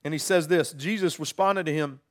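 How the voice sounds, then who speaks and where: A man's voice: fairly high pitch, brisk. A man preaching an informal, conversational sermon, earnest in tone and often restarting or repeating words as he works through a passage.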